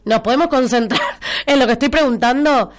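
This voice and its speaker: Her voice is high and brisk, stuffed up by a cold. She hosts a local Argentine radio show in Rioplatense Spanish, chatting live over listener messages, teasing and repeating information so listeners catch it.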